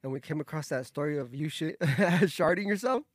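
A man's voice: on the high side, expressive, moderate pace. A young man chatting casually as a podcast co-host, with slangy, sweary frat-bro talk that repeats "like" a lot. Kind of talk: casual chat.

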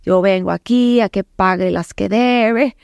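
A woman mimicking a furious, jealous wife who yells commands at a stranger she attacks. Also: medium pitch, a little slow, vocal fry, smooth, no echo, clean studio sound. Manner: yelling, commanding.

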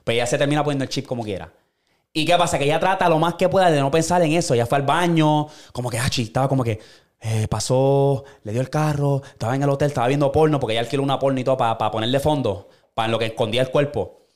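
A man's voice: mid-range voice, fast talker. A man, co-hosting a podcast, telling a story in casual chat and acting out the quoted voices. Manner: animated storyteller, acts out quoted voices, swears a lot. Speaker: podcast co-host.

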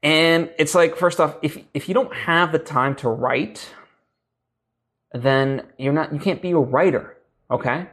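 Speaking unhurriedly in a slightly bright, higher-pitched voice, a young man hosts a podcast about writing advice. His casual teaching style is rambling, with many fillers and frequent restarts.

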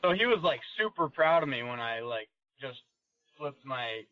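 A man's voice: medium pitch, very animated, normal speed, sharp tone, dry recording. A man, a race car driver guest, chatting casually on a podcast, rambling with lots of fillers and laughs. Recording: muffled lo-fi podcast audio.

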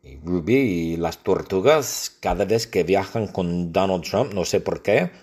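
A man improvising an absurd comedy story in a halting, repetitive, deadpan way. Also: deep voice, slightly rough. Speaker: podcast host.

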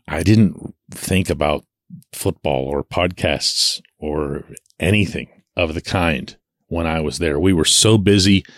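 A man in his forties from Pittsburgh, hosting a solo sports podcast and talking in an animated way, stretching the words he wants to stress. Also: a bass voice, takes it slowly, no room sound, clean studio sound.

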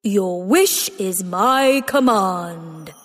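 A woman voicing a magic lamp engine spirit who speaks slowly and solemnly. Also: lively intonation. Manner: slow, solemn, booming.

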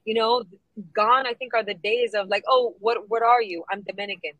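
A middle-aged woman comedian from New York, chatting in an interview, upbeat and lively, dropping Spanish phrases now and then. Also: on the high side, normal speed, no echo, low-quality recording. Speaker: guest, comedian and producer. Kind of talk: casual interview chat.

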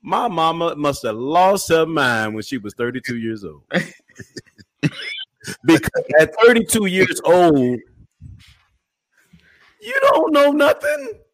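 A man's voice: fairly high pitch, huge pitch swings, slow, long pauses, dry recording. Man, forties, from Illinois, pastor hosting a panel, emphatic storyteller, dry close sound. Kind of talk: casual panel discussion.

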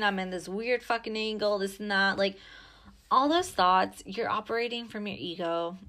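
A woman's voice: medium pitch, pushed and bright. A woman hosting a podcast, talking frankly and casually, swearing freely and filling her speech with "like" and "you know". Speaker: podcast host. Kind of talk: casual podcast monologue on sex and relationships.

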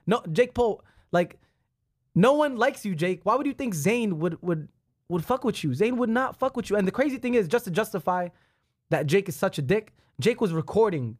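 A man hosting a casual podcast, animated and slangy, swearing freely and repeating phrases for emphasis. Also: high voice, fairly quick, no room sound, studio quality. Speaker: podcast host.

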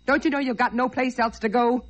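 A woman's voice: a little high, steady tone, brisk, natural voice. An actress playing a bitter, scornful woman fed up with her man in a 1940s radio drama, sarcastic and cutting. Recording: dull lo-fi old radio recording.

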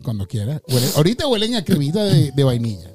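A man's voice: medium pitch, big pitch swings, fast, a little mellow, breathy edge, faint music behind. A man co-hosting a podcast, trading crude jokes with plenty of teasing and laughter. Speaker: podcast co-host. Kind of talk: playful casual banter.

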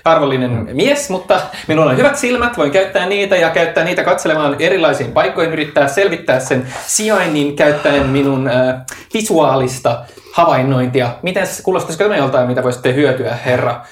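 A man voicing Ragnar, a fawning, formal helper in a tabletop game, speaking higher than his own voice. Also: echoey room, natural voice. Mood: eager, flattering. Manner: formal, flattering, overly polite. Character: fawning male NPC Ragnar, eager helper.

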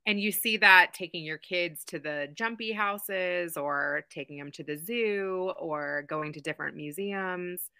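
Female guest from Kentucky, low-ish, bright and crisp, dry close recording. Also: measured pace, few pauses, no room sound. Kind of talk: casual conversation.

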